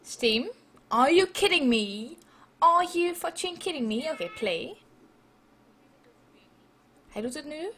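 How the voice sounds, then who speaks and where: Speaking high and sing-song, slowly, with long pauses and a bit of brightness, the gaming host plays a computer game indoors while wearing headphones. Her casual commentary to viewers is full of swearing and English phrases.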